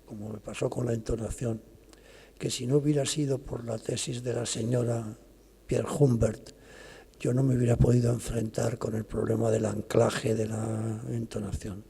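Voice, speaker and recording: An older man from lectures to an audience, explaining patiently and breaking off to restart his phrases. His voice is gravelly and husky with a mellow, dark tone. The sound carries the long reverb of a lecture hall. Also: mid-range voice, flat delivery, moderate pace. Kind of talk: academic lecture.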